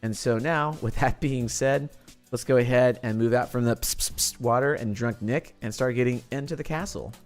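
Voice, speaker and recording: A young adult man streaming, chatting casually with his viewers and telling animated stories, acting out his friends' lines and swearing freely. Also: mid-range voice, normal speed, faint music behind. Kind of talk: casual chat to live chat.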